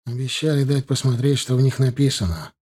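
A man's voice: medium pitch, fairly quick, warm tone, breathy edge, lightly acted. A man voicing a weary, gloomy middle-aged factory director in an audiobook. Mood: resigned.

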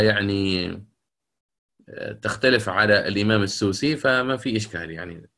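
A man's voice: fairly low pitch, a bit bright. Patient male Quran recitation teacher. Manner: explains patiently, asks students questions, slows to recite verses. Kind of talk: classroom lecture on Quran reading rules.

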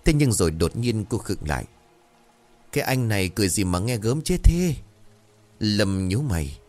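Low-voiced man narrating a ghost story. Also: sing-song, normal speed, darkish tone. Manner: voices the characters in dialogue. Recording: faint music behind.

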